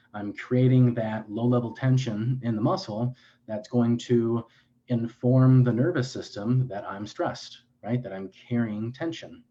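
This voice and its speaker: A man's voice: fairly low pitch, warm tone, highs cut off. A man speaking as a clinician guest in an interview, explaining in an earnest, lecturing way with frequent restarts and self-corrections.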